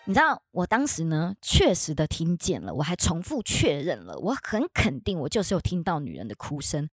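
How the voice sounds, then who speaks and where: A young woman with a Taiwanese Mandarin accent, hosting a podcast and telling ghost stories casually from her bedroom, with dramatic jumps into high, excited exclamations. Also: fairly quick, slightly rough, soft background music. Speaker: podcast host. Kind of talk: casual storytelling.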